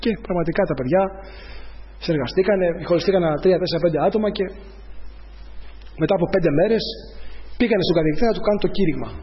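A man's voice: sits high, pauses often. A man preaching a conversational sermon to his congregation, calling them brothers. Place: church hall. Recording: dull, lo-fi church recording with long reverb.

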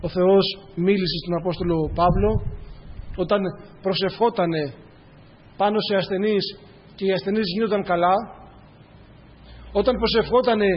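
A high-pitched, slightly rough male voice delivers an earnest sermon, calling the congregation brothers. The church hall recording is dull and carries a long reverb.

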